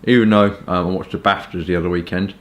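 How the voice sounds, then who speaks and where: A man from Kent with a southern English accent, chatting informally and hesitantly in a rambling casual review, with stop-start pauses. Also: deep voice, steady tone. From Kent, England. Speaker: pipe tobacco reviewer.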